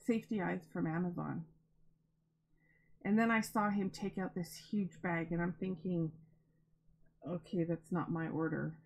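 Near tears, a woman hosting a crafting vlog chats and gushes as she unboxes donated yarn. She speaks at normal speed in a fairly low, steady voice, captured in a rough recording.

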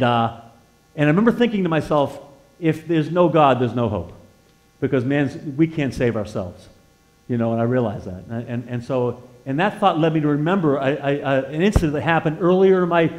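Indoors at a lectern in a church sanctuary, an American man in his sixties from the northeastern United States gives an informal sermon with personal testimony as a guest preacher. His voice is fairly high yet darkish in tone. He's conversational and halting, repeating words as he feels his way and putting questions to his listeners.

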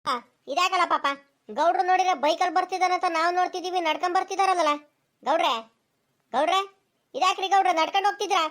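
A woman's voice: extremely high pitch, fairly even intonation, fast, long pauses, a bit bright, voice pushed up. A woman putting on the voice of a fussy old village man in a cartoon, calling out with concern.

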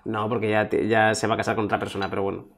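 A man's voice: lowish voice, level tone, racing. A tipsy man from Spain with a Spanish accent, a guest comedian rambling and giggling on a live show. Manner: rambling, giggly, self-mocking. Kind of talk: casual chat on a comedy show. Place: live show before an audience. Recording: crowd noise around the voice. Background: audience crowd.

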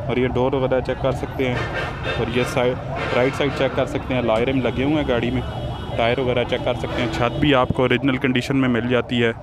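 A man, hosting a car sales vlog at an outdoor used car market and talking into a hand-held lapel mic in upbeat, repetitive salesman patter. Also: medium pitch. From Pakistan. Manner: upbeat, repetitive salesman patter, urging viewers to check every part. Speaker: car vlogger. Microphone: lapel mic held in hand, selfie camera. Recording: outdoor traffic and crowd noise.

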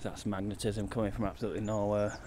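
A man's voice: lowish voice, flat delivery, quick pace, heavy background noise. A man, talking casually and rambling as he walks a countryside footpath filming on his phone. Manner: rambling, matter-of-fact, swears casually. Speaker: paranormal explorer vlogger. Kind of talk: casual walking vlog commentary. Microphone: phone held at arm's length.

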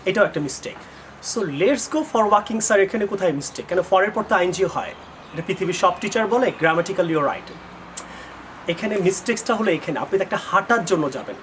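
A man's voice: sits high, a bit bright, slight background noise. Man teaching English grammar. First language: Bengali. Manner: switches between explanation and slow, carefully spaced example sentences; poses students' questions and answers them himself. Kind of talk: spoken English lesson.

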